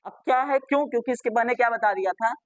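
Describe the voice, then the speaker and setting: A woman's voice: fairly high pitch, fast talker, dry recording. A woman teacher. She gives a classroom grammar lesson, spells words out letter by letter and repeats them, and asks the class questions that she then answers herself.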